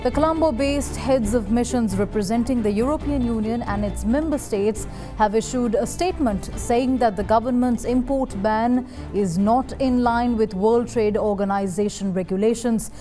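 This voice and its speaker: A woman's voice: a little high, moderate pace, warm tone, soft background music. A woman, reading scripted television news as the anchor in a studio.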